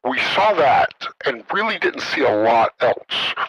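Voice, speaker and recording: A man's voice: medium pitch, very animated, unhurried, fairly bright tone, breathy edge, no room sound, poor audio. A man speaking through a voice alteration that disguises his identity, a former military official talking carefully and hesitantly, with many ums and uhs, in a podcast interview.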